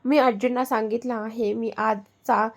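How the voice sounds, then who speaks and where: A woman's voice: fairly high pitch, steady tone, a little slow. A woman voicing a worried, sulky young woman about to be married, in a spoken story. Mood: anxious.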